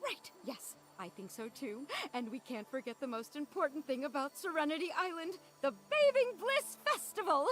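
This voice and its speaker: A woman voicing an enthusiastic, proud festival lover in a video game, in an animated, theatrical manner. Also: sits high, moderate pace, few pauses, faint music behind. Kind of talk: scripted video game dialogue.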